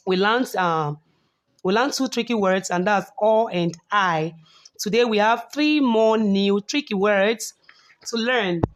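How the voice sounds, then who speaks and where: A young woman, teaching a slow, patient phonics lesson to young children and repeating words for them to copy. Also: mid-range voice.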